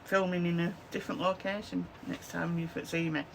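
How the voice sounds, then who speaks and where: In her small craft room, a woman in her fifties from Lancashire, England, vlogs casually to a desk camera framed close, rambling with lots of "um, so yeah" fillers in a Lancashire accent. Her hoarse voice is lowish and fairly quick with little pitch movement, and she has a chesty cough. The audio is poor, with slight background noise.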